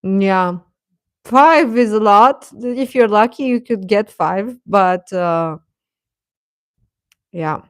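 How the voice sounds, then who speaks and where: Her voice sits at a medium pitch, and she speaks slowly with long pauses, heard in clean studio audio with no echo. As a livestream host, she gives young viewers casual, reassuring advice in an encouraging tone.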